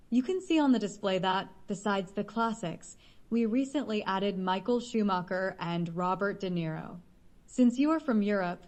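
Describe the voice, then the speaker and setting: A woman's voice: medium pitch, darkish tone, close to an everyday voice. Polite hologram hostess, read by a woman. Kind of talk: audiobook character reading.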